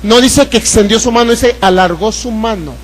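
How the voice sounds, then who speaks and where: High-voiced Mexican preacher. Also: male voice, moderate pace, poor audio. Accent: Mexican Spanish. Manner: preaching, questioning the congregation; acts out voices from the Bible story. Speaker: pastor. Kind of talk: sermon.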